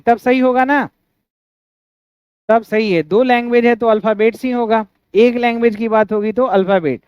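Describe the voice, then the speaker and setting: Indian male grammar teacher, very high smooth voice, dry lo-fi recording, keeps checking students follow. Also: no echo. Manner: asks students frequent checking questions; spells out words syllable by syllable. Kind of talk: classroom grammar lecture. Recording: dry, dull lo-fi sound.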